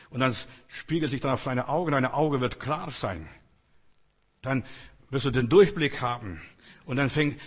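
A man's voice: mid-range voice, breathy edge. A man preaching a fervent sermon, addressing listeners directly and quoting scripture. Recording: long reverb in a large hall.

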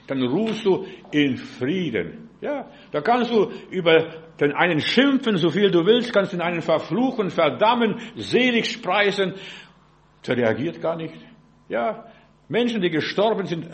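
Higher-voiced man preaching informally. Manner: informal, addresses listeners as du, keeps asking "verstehst du?" and saying "ja". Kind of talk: sermon.

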